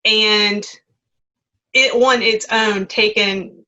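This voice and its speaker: A woman's voice: medium pitch, steady tone, extremely slow, sharp tone. A woman talking as an editor on a panel, conversational and a little hesitant, with frequent "um"s. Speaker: magazine editor and panel guest. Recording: dull lo-fi call audio.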